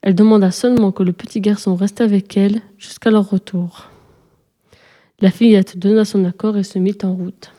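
Woman storyteller for a fairy-tale reading, calm and even, with a very dark, mellow voice. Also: medium pitch, moderate pace. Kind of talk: scripted fairy-tale narration.

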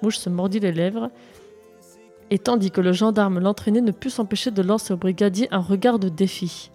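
Woman calmly narrating a storybook. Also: medium pitch, normal speed. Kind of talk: audiobook narration. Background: faint music.

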